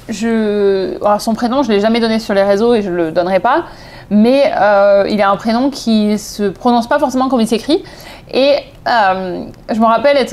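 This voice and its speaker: This vlogger, a woman in her thirties from southeast France, has a mid-range voice with a darkish tone and a French accent. Talking casually to camera, she shares personal stories in a digressive, chatty way, often stopping to correct herself.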